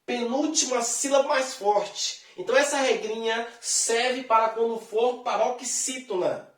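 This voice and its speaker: Lively male teacher in an echoey room. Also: extremely high pitch, measured pace. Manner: lively and chatty, addresses the viewer directly, draws out example words. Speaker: Portuguese teacher. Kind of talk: grammar lesson. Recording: echoey room, distant mic.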